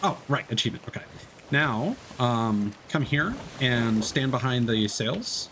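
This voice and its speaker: A man streaming a game explains the steps to a co-player in casual chat, full of fillers. His medium-pitched voice is animated, unhurried, and a bit bright, and the stream audio is noisy.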